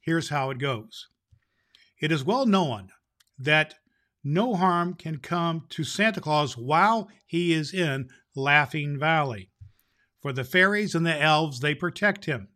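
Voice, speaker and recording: A man playing a jolly old Santa Claus who hosts a show and reads a Christmas story aloud, with booming ho-ho laughs. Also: lively intonation, slow pace, pushed and bright, heavily acted. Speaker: host. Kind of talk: storytelling podcast.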